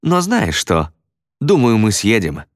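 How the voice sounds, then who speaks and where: Storybook reading: weary, soft-spoken father, low and hesitant, voiced by a male narrator. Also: huge pitch swings, slow, no room sound, clean studio sound, exaggerated voice. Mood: subdued.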